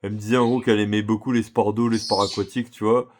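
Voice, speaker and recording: A man's voice: fairly low pitch, level tone, fast talker, darkish tone, a little hiss or hum. A man telling a personal story in a casual, slangy way, talking straight to the listener. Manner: slangy, chatty, addresses listener directly. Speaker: vlogger.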